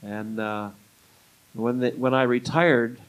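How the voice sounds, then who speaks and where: This older man takes his time, speaking at medium pitch with fairly even intonation. He is a retired music club booker being interviewed, and his stories ramble and slip into quoted dialogue. It's a low-quality recording.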